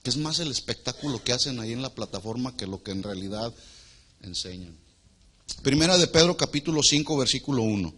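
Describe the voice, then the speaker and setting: Man, pastor, sermon, bright forceful voice, questions to the congregation, loud and soft turns. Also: mid-range voice, animated, a little fast. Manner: teaching, asks the congregation questions and waits for answers; wide swings from loud emphatic lines to quiet asides. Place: church hall before a congregation.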